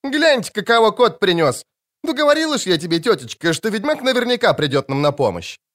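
A man voicing a brash young girl who talks in a loud, high-pitched voice. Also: sing-song, fairly quick. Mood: cheeky.

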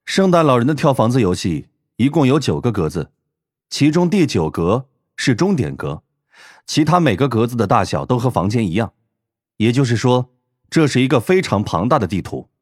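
A man narrating an audiobook in expressive, wide-ranging storytelling. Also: mid-range voice, moderate pace, no room sound, studio quality. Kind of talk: scripted narration.

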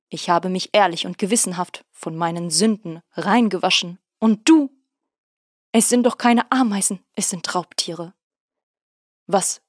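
A woman voicing an indignant, easily upset young man in an audiobook, shrill and outraged in his protests. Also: no room sound, clean studio sound, natural voice. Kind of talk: audiobook character voice.

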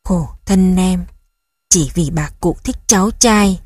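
A woman voicing a flattering male lover who coaxes and soothes. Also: lowish voice, slow pace, no echo, studio quality. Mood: soothing. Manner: coaxing, flattering. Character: smooth-talking male lover, coaxing.

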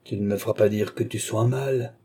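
A man's voice: fairly low pitch, steady tone, normal speed, dark tone, breathy edge. A man voicing a proud, sardonic old duke and marshal in an audiobook, with brusque retorts. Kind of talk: audiobook character reading.

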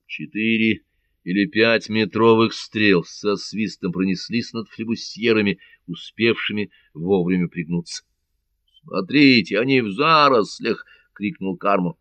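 A man narrating an adventure audiobook in a measured, dramatic reading. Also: fairly low pitch, steady tone, a bit bright, dry recording, highs cut off.

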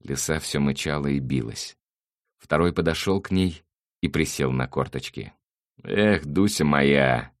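A man narrating an audiobook in a steady, even reading voice. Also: rumbling low, moderate pace, no echo, studio quality.

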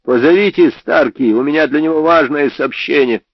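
A man's voice: mid-range voice, animated, moderate pace, no echo. A man voicing a brash, scornful private eye in an audiobook, goading and sneering as he talks. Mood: commanding. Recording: dry, slightly dull audio.

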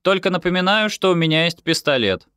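A man playing a deadpan armed woman officer. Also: sits high, fairly quick, smooth, dry recording, pitched above the performer's own voice. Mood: deadpan stern. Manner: flat, unimpressed, dry threats. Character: stern, deadpan woman security officer with a pistol. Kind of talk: audiobook character voice.

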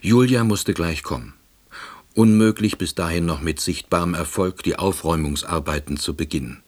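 In a radio play, an actor voices a hapless, pedantic husband and novice salesman who narrates his own story in a deadpan, precise way. His voice sits low, his pace is moderate, and the mood is wry and harried.

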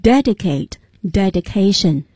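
A woman's voice: mid-range voice, animated, a little slow, mellow, slightly rough, no room sound, studio quality. A woman co-hosting a radio English lesson, repeating the words after the teacher and asking follow-up questions. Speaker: co-host of the lesson.

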